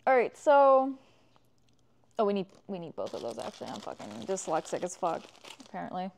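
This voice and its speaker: Chatty woman streamer with lively pitch. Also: moderate pace, creaky, a little hiss or hum. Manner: chatty, swears freely, reacts aloud while assembling. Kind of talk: casual livestream chat.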